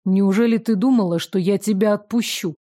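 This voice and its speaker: A protective storybook husband, calm and firm, read by a woman. The voice sits a touch lower than the narration, and it is heard close and dry with no room sound. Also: fairly quick, no echo, close to an everyday voice. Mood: tender.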